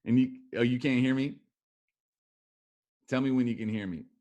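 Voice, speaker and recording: A man teaching a history lesson in a relaxed, chatty way, acting out what historical figures said. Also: mid-range voice, normal speed. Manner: animated, acts out quotes of historical figures. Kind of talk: casual classroom lecture.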